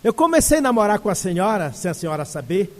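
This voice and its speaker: A Brazilian man tells a story during a spiritist lecture with animated, humorous delivery. His voice sits high and moves through a very wide range. The hall lends it a long, lingering reverb. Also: quick pace. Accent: Brazilian Portuguese. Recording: echoey hall.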